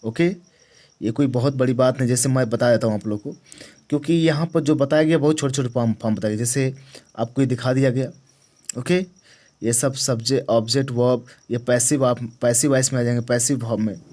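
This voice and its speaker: A man's voice: mid-range voice, brisk, dark tone. Man teaching grammar, quizzing his class. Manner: asks questions and answers them himself; repeats key words and checks understanding. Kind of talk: grammar lesson to exam students.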